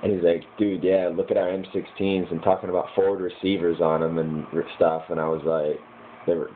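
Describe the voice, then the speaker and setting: A man's voice: sits low, flat delivery, a little fast. An American man in a casual, rambling recounting of his dreams, hazy and puzzled as he gropes to remember. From United States, Michigan. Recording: muffled lo-fi with clear background noise.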